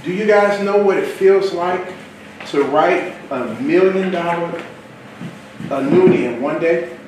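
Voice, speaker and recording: A man giving an animated, repetitive motivational sales talk to a seminar audience. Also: high-pitched, measured pace. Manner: animated, repetitive, preacher-like rhythm. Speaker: seminar speaker. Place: event hall with live audience. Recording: echoey hall, far from mic, noisy room.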